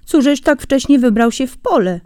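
A woman's voice: high-pitched, lively intonation, normal speed, warm tone, dry recording, clean studio sound, voice pushed up. A woman reading a storybook, voicing a proud male hare with a mocking, haughty manner. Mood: scornful.

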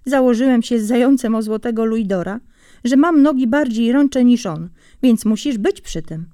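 A woman's voice: on the high side, moderate pace, dark tone, dry recording, clean studio sound, voice pushed up, close to an everyday voice. A woman reading a storybook, voicing a clever, stubborn male hedgehog who is cunning and bossy. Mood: sly. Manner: cunning, bossy to his wife.

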